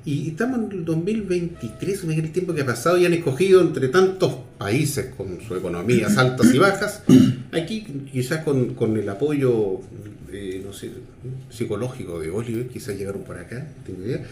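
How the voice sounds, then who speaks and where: A man hosts a radio talk show, his questions long and wandering. His pitch swings widely as he talks. The room rings with echo. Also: normal speed, a little hiss or hum. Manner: expressive, rambling questions. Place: radio studio.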